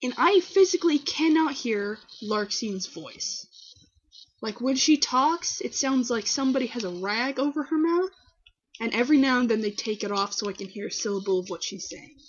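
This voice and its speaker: Fielding viewer questions, this young woman chats candidly and rambles, telling stories with animation. Her fairly high voice moves at a normal speed, captured as dull lo-fi webcam audio with slight background noise.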